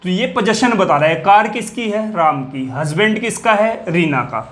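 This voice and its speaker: A man's voice: sits high, lively intonation, normal speed, a bit bright. A man teaching an English grammar lesson. He asks questions, answers them himself, repeats key words, and drops his voice on the answers. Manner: repetitive, quizzing students with questions he answers himself. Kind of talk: classroom grammar lecture.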